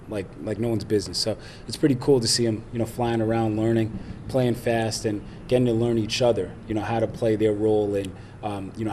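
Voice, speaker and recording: A man's voice: on the low side, mellow, slight background noise. A man, a football player, answering interview questions in a rambling way full of fillers.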